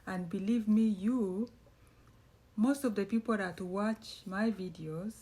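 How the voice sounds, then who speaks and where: A woman's voice: medium pitch, slow pace, dark tone. A woman from East Africa, a writer talking casually to her channel viewers, rambling and correcting herself as she goes. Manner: rambling, self-correcting, chatty. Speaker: YouTuber and writer. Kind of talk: casual vlog chat.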